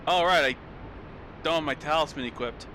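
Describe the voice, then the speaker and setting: A young man streams from home on a desk mic, his slightly high voice moving at a normal pace as he rambles loosely about his gameplay and swears casually. Loud game music and other background noise sit behind him.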